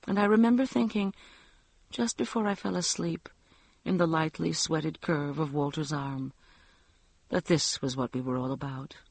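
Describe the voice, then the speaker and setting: A man narrating a first-person novel, reading expressively with shifting pace and loudness. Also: a little high, steady tone, normal speed, gravelly, dry recording. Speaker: audiobook narrator.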